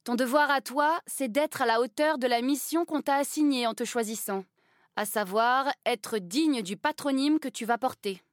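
A woman's voice: sits high, normal speed, no echo, clean studio sound, voice pushed up, lightly acted. A woman reading an audiobook and voicing a cold, commanding aristocratic countess who speaks in a stern, clipped way.

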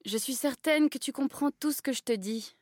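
A woman's voice: high voice, normal speed, darkish tone, dry recording, clean studio sound, voice pushed up, close to an everyday voice. A woman reading an audiobook and voicing a cold, commanding aristocratic countess who speaks in a stern, clipped way.

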